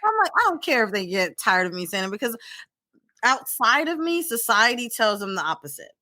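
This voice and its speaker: A middle-aged woman, a therapist co-hosting a podcast, chatting casually and telling stories with lively quoted asides. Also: on the high side, a little fast, no echo. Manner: animated, storytelling with quoted asides. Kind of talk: casual chat.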